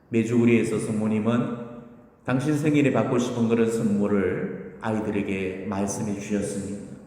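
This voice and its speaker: A man's voice: on the low side, warm tone. Man preaching in a reverberant church. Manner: earnest, exhortative, retells stories with acted quotes. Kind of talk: sermon. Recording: echoey church hall.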